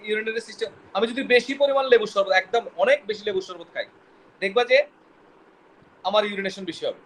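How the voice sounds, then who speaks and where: Fast, high-voiced man teaching biology. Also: fairly bright tone, slight background noise, low-quality recording. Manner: quizzing, mixes English terms, stumbles over words. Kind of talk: classroom lecture with questions to students.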